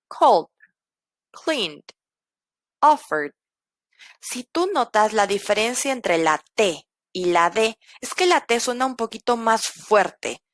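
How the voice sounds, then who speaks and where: A woman teaching English pronunciation, slowly repeating each example word for learners. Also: on the high side, a bit bright, no room sound. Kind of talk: language lesson.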